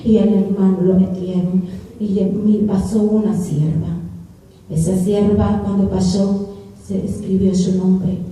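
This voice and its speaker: A woman stands before a church and earnestly recounts a spiritual vision, her very dark voice moving in a flat, level line. She repeats phrases as she retells the dialogue. The sound comes from far off and rings with heavy echo in a large hall. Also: mid-range voice, a little slow. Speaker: church member giving testimony.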